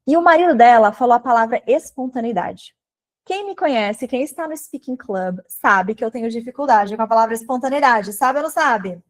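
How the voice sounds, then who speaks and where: A woman from Brazil teaching English in a live online class, chatty and animated, speaking straight to her viewers. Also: fairly high pitch, a little fast. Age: adult with a daughter.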